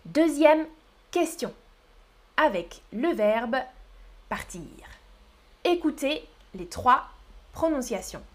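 A woman from the Paris region teaching French pronunciation in a live online lesson, speaking with a Parisian accent and repeating each example slowly and carefully. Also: high-pitched, sing-song. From Paris region, France.

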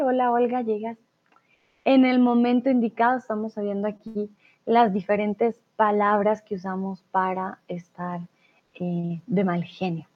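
A woman with a Colombian accent teaching a live online Spanish lesson, patiently explaining and often checking in with her students. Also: fairly high pitch. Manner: patient, explains slowly with frequent "¿vale?" check-ins. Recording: tinny phone-like audio.

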